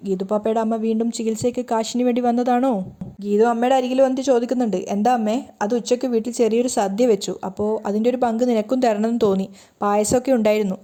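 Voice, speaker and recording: A woman's voice: fairly high pitch, warm tone. A woman retelling a TV serial episode, voicing the characters' quoted lines herself. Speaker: serial recap narrator. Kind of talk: fast storytelling recap of a TV serial.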